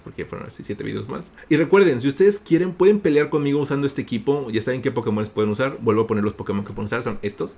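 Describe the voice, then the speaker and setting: A man with a Mexican accent hosting a gaming vlog, narrating playfully with big jumps in his voice and calling his viewers "little ones.". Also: mid-range voice. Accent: Mexican Spanish. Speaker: gaming YouTuber host.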